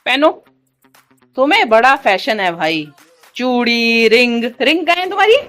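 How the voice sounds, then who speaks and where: A woman's voice: fairly high pitch, very animated, a little slow, a bit bright, soft background music. A mother filming a home vlog, coaxing and scolding her small children with playful threats and chatting to the camera. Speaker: mother vlogging her day with three young children. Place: at home, indoors.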